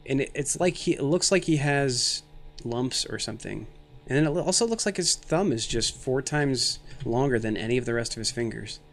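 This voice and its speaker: This thirty-something streamer has a mid-range voice with lively intonation, moderate pace and vocal fry. His casual game commentary rambles through self-deprecating jokes, worn out and slightly loopy on little sleep and lots of caffeine.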